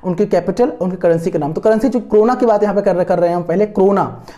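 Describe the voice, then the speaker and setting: A man's voice: high-pitched, fast talker, warm tone. A man teaching an online exam-prep lesson from slides, repeating key words often, full of hesitant fillers and coaxing his students to understand. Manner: coaxing and encouraging toward students. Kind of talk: online lesson explaining memory tricks from slides.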